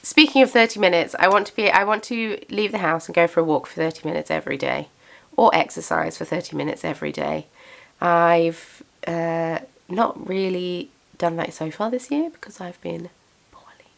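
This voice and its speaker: A young woman with a fairly low, creaky, slightly bright voice talks at a moderate pace, casually telling her camera about her craft business and plans. She's self-deprecating and sounds a little congested from a cold, as befits a craft business owner who vlogs.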